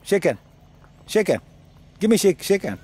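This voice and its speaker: A man's voice: high voice, drawn-out words. A man in his thirties from India, vlogging in casual, playful chat with a friend while walking around a farm. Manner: excited, playful banter with a friend. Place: outdoors on a farm and in a small farm shed.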